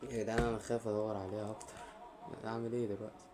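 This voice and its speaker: A man's voice: on the low side, little pitch movement, rapid-fire, noisy background. A man with an Egyptian accent giving let's-play commentary on a horror game, full of jittery, nervous exclamations. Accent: Egyptian Arabic. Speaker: gaming YouTuber.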